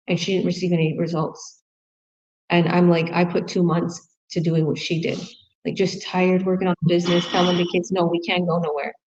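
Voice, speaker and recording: A woman's voice: lowish voice, a little mellow. Chatty enthusiastic woman, dull lo-fi sound. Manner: chatty and enthusiastic, with many restarts. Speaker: online business promoter. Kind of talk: casual sales pitch monologue. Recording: dull lo-fi recording.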